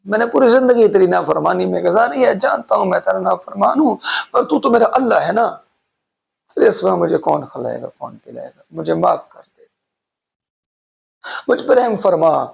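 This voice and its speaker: A preacher acting out a broken old man begging to be forgiven and fed. The voice is gravelly and husky, strained upward in desperate pleading. It sits noticeably higher than the man's normal speaking pitch. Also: sing-song, few pauses, full character voice. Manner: pleading, tearful. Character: destitute old man weeping and begging for mercy.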